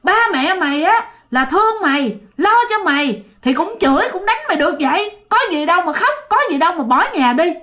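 A woman voicing a tall young village man who scolds a lost child loudly and rapidly while telling a ghost story. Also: extremely high pitch, expressive, voice pushed up. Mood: scolding.

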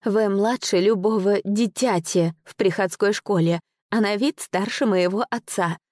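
A woman's voice: medium pitch, a little slow, darkish tone, no room sound, clean studio sound, lightly acted. A woman voicing a playful young woman who teases her companion with mock sternness, in a storybook reading. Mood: teasing. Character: playful teasing young woman, easily frightened.

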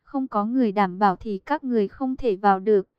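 A woman's voice: medium pitch, quick pace, smooth, no echo, muffled recording, close to an everyday voice. A woman reading an audiobook and voicing a stern, weary older security guard. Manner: stern, irritated.

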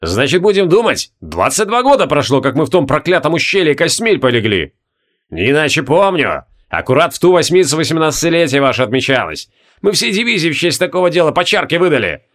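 A folksy old undead marshal, played by a male audiobook narrator, talks in a raised, lively voice that swings up and down. He is jovial and rustic, and he turns gruff when he gives orders. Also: fairly high pitch, a little fast. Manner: folksy rustic speech, gruff barking commands.

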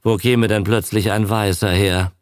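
A man's voice: lowish voice, fairly even intonation, a little slow, dry recording, studio quality, close to an everyday voice. A man doing a shy, hesitant young man. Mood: uneasy. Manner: hesitant, uneasy. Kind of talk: audiobook character voice.

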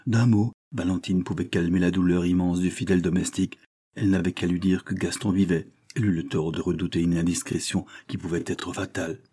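A man narrating a novel as an audiobook, in a measured, dramatic reading. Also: deep voice, fairly even intonation, dark tone, slightly rough.

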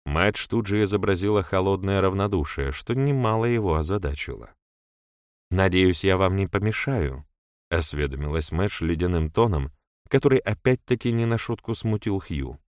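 A man narrating an audiobook in an even, measured reading. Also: sits low, smooth, dry recording, clean studio sound. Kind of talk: scripted narration.

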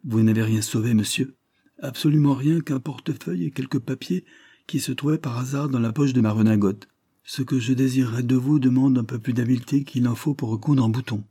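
A man voicing a charming, courteous and playful young gentleman in a storybook reading. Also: mid-range voice, a little fast, husky, dry recording, studio quality, voice pushed up.

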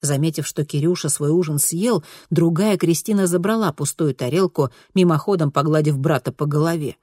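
A woman narrating an audiobook in a steady, expressive storytelling manner. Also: low voice, normal speed, slightly rough, no echo, studio quality. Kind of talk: scripted narration.

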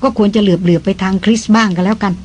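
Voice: mid-range voice, fairly even intonation, quick pace, darkish tone, lightly acted, poor audio. A reader voicing a cautious young noblewoman in an audiobook, talking in a careful, earnest way. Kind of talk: audiobook dialogue.

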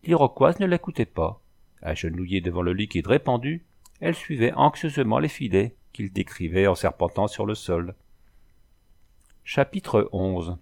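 A man reading a novel aloud in measured, scripted narration. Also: fairly low pitch, big pitch swings, gravelly, a little mellow. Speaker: audiobook reader.

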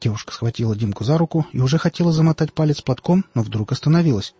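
A man narrates a story at a steady pace in a dark, mellow voice that is very husky. The recording is dull and lo-fi, with faint music underneath. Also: mid-range voice, fast talker, no room sound. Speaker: audiobook narrator. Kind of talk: scripted narration.

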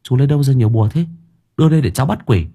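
A man playing an eager young apprentice who asks quick, excited questions. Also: mid-range voice, gravelly, breathy edge, pitched above the performer's own voice.

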